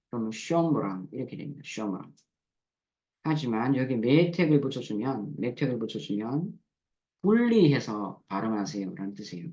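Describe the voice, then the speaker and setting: A man teaching a grammar lesson, patiently breaking words into syllables and repeating them slowly for drill. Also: medium pitch, dark tone, muffled recording. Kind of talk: recorded lecture explaining verb forms.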